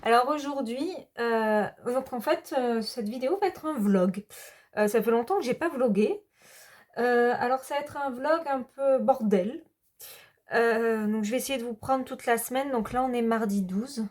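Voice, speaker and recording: Woman vlogging, chatty and rambling, lots of pauses and hesitating. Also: on the high side, a little mellow. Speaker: hobby vlogger. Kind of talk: casual chat vlog.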